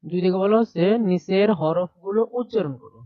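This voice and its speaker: A man's voice: high-pitched, brisk, no room sound, highs cut off. A man teaching a primary class over a shared screen, explaining step by step and repeating letter sounds aloud. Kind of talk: screen-share textbook lesson.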